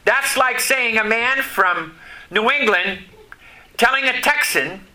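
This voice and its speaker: Raised in Vermont, USA, with French as his first language, a man gives a folksy sermon, pausing between phrases and often putting questions to the congregation. His voice is extremely high, bright and forceful, and the recording is rough.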